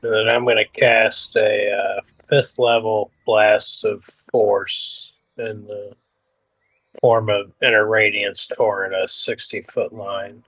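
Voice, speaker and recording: A man's voice: fairly low pitch, level tone, slow, fairly bright tone, breathy edge, dry recording, muffled recording. A man playing a tabletop game, casually explaining his moves.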